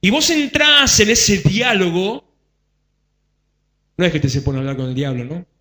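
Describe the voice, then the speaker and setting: A man's voice: high voice, lively intonation, moderate pace, pushed and bright. A male pastor with a Rioplatense accent preaching a conversational sermon, repeating phrases for emphasis and making joking asides to the congregation. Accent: Rioplatense Spanish.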